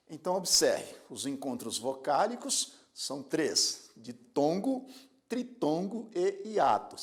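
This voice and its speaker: A man teaching a grammar lesson, spelling words out syllable by syllable and telling students to observe. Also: on the high side. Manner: addresses students directly with repeated prompts to observe. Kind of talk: recorded video lesson.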